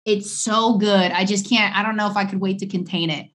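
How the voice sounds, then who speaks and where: A woman's voice: medium pitch, fairly even intonation, fairly quick, fairly bright tone. Bubbly woman hosting a podcast. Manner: bubbly and enthusiastic. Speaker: podcast host.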